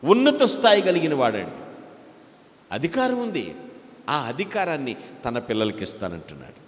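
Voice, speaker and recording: A man's voice: medium pitch, huge pitch swings, moderate pace. A man preaching an emphatic sermon as pastor, often crying hallelujah and mixing in English phrases. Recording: echoey hall with long reverb.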